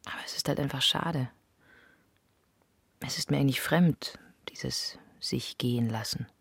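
A woman's voice: extremely low pitch, unhurried, gravelly, breathy edge, no echo. A woman delivering a literary first-person monologue in an intimate, often half-whispered voice. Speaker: narrator.

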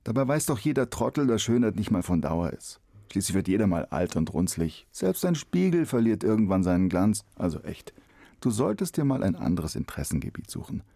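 An actor playing a grumpy, fed-up magic mirror that grumbles in a gravelly voice. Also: male voice, fairly low pitch, very animated, fairly quick, dark tone, no echo, clean studio sound, heavily acted. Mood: annoyed. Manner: grumbling, exasperated. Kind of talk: radio play fairy tale.

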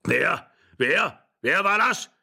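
A man doing a hoarse, flustered old man. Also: medium pitch, normal speed. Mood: agitated. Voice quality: hoarse with excitement. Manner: shouting, agitated. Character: flustered old husband, excitable, fussy.

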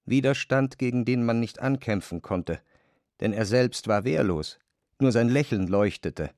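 Male narrator, literary radio play, mid pitch, dry close sound. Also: lively intonation, darkish tone, no echo. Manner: measured, literary storytelling. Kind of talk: scripted narration of a radio drama.

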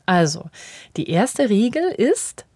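A middle-aged woman who is a parenting expert speaks slowly in an interview, animatedly performing the quoted voices of kids and parents as she explains. Her mid-range voice has a breathy edge, captured in clean studio sound with no room noise.

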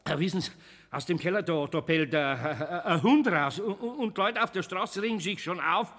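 An actor playing a flustered master carpenter, stammering in a Bavarian accent, in a radio play. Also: male voice, high-pitched, normal speed, fairly bright tone, in a large hall.

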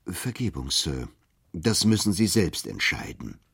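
A man's voice: deep voice, big pitch swings, unhurried, gravelly, fairly bright tone, husky, no echo, clean studio sound, full character voice. Man doing a prim, deferential young clerk.

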